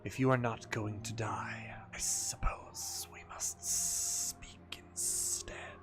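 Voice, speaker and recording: Game creature: vast ancient snake. Whispered, hissing, drawn-out delivery, ominous and menacing. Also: male voice, on the low side, steady tone. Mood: cold, probing. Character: monumental ancient serpent, menacing world-devourer.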